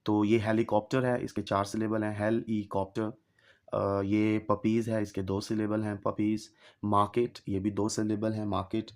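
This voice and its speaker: A man teaching an English textbook exercise, reading each English line slowly and then explaining it in Urdu. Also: fairly low pitch, flat delivery, darkish tone.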